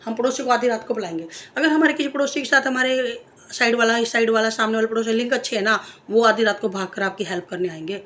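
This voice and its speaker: Speaking fast in a fairly high, fairly bright voice with fairly even intonation, this woman vlogs her opinions straight to camera. Her casual monologue is full of emphasis, repeated phrases, rhetorical questions and personal anecdotes.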